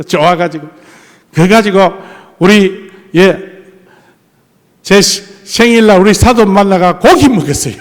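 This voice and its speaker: An older male pastor with a strong Gyeongsang accent from the Tongyeong and Geoje area, preaching a sermon in a folksy, joking way and acting out the dialogue he quotes. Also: high-pitched. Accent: Gyeongsang, Tongyeong-Geoje dialect. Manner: folksy, acts out dialogue in many voices, jokes with the congregation. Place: church sanctuary. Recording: long church hall reverb.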